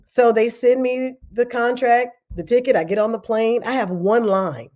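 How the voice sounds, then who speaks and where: A middle-aged woman telling stories in a casual podcast interview, animated and lively. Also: fairly high pitch, moderate pace. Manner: animated, acts out other people's voices. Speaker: podcast guest.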